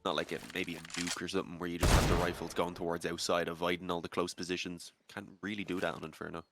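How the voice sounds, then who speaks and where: A man giving quick, analytical live commentary on a game. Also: low voice, very noisy. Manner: quick, analytical, relaxed banter. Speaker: esports commentator. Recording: loud game gunfire behind voice.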